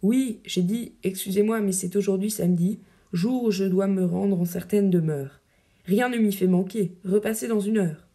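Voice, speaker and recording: A woman voicing an aging male poet-soldier, proud and teasing but secretly dying, reading verse drama with a gently mocking, lyrical delivery. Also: medium pitch, moderate pace, natural voice. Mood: wry.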